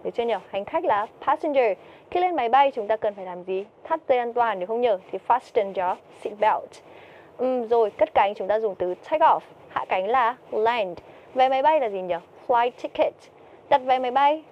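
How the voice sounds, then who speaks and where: A woman's voice: fairly high pitch, dull audio, slight background noise. A woman teaching TOEIC vocabulary, who keeps asking her students questions and answering them herself. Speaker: English teacher.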